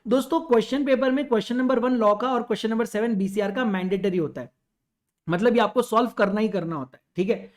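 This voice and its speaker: A man's voice: high voice, fast. A young man teaching an online exam-prep lecture, giving direct, fatherly advice to students and switching between Hindi and English. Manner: mixes Hindi and English, calls students "beta".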